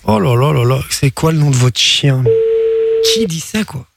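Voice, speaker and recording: A man's voice: a little high, animated, normal speed, gravelly, very noisy. A young man with a Brussels accent hosting radio, joking and self-mocking as he banters and makes a prank call. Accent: Brussels French. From Brussels, Belgium. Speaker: radio host.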